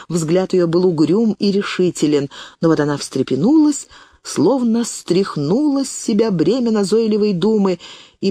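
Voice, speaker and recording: A woman reading a classic novel aloud in measured first-person narration. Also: mid-range voice, warm tone, no echo, studio quality. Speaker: audiobook reader. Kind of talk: scripted narration of classic prose.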